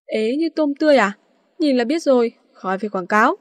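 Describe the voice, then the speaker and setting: A woman's voice: sits high, brisk, no echo, natural voice. A woman voicing a brash, quarrelsome young man in a storybook reading, with a mocking manner.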